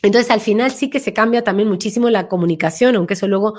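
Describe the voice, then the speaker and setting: A voice work coach recovering from flu speaks as an interview guest, reflective and repeating phrases for emphasis. Her mid-range voice is a little mellow and she talks fast.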